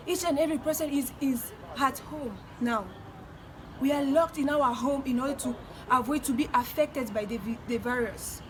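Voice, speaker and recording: A woman's voice: sits high, noisy background. A woman from Congo with a Congolese accent gives a prepared motivational speech in a solemn, rhetorical manner, repeating phrases for emphasis. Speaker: motivational speaker. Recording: music playing behind the voice.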